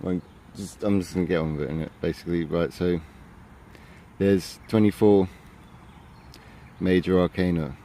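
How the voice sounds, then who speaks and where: Man, low-pitched, rambling and filler-heavy; outdoor phone vlog with faint street noise. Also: steady tone, moderate pace, pauses often, mellow. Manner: rambling, filler-heavy, tags lines with "innit, yeah?". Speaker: vlogger. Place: outdoors in an urban area. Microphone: handheld phone camera.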